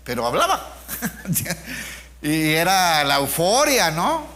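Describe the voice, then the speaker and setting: A man's voice: a little high, big pitch swings, slow pace, pushed and bright. A middle-aged man, preaching an informal sermon with personal testimony, speaking conversationally and asking his listeners rhetorical questions.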